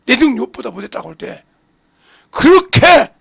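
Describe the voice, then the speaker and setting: A pastor preaching a sermon with passion, swinging between shouts and low mutters and firing rhetorical questions at the congregation. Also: male voice, expressive, a little fast, vocal fry, husky, no echo, clean studio sound.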